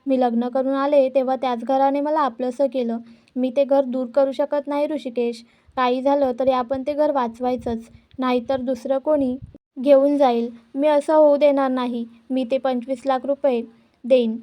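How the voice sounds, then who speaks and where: A woman's voice: sits high, flat delivery, normal speed, muffled recording, natural voice. Woman reading as a firm, devoted young wife. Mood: firm pleading. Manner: firm and earnest.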